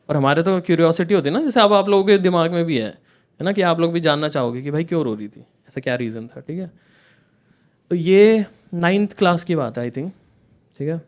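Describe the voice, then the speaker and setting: A young man from India performs stand-up comedy, telling a story and acting out its scenes. His voice sits a little high for a man, and he keeps checking in with the crowd as he talks. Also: darkish tone. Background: audience laughter.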